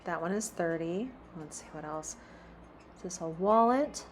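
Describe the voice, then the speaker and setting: A woman's voice: lowish voice, lively intonation, measured pace, faint music behind. A woman chatting casually as she browses a store, reading out prices as she walks. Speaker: shopping vlogger. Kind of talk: casual shop-with-me narration. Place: inside a large store.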